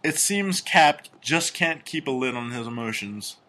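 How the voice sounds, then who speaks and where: A man co-hosting a casual comedy podcast, reading strange news stories and personal ads aloud with crude, deadpan jokes. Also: medium pitch, unhurried. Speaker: podcast co-host.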